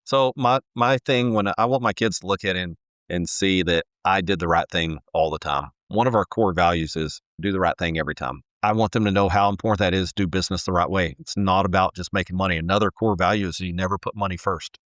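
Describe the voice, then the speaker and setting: A man in his forties with a deep voice answers questions in an earnest, halting way, restarting sentences as he goes. The sound is dry and close, with no room behind him. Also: a bit bright, no echo. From Texas. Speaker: home builder, guest. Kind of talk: casual interview answers.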